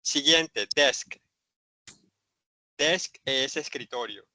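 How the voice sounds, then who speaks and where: A man's voice: mid-range voice, extremely slow, sharp tone, no room sound. A man teaching an English grammar lesson, patiently repeating and spelling out examples.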